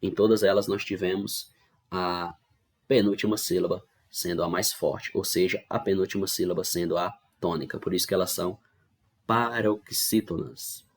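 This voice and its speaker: A man with a low voice leads an online review lesson for schoolchildren. He goes through each rule step by step, repeats the main points and keeps checking that the class is following. He sounds like he is recording at a computer for a screen-share class. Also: steady tone, normal speed. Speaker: teacher.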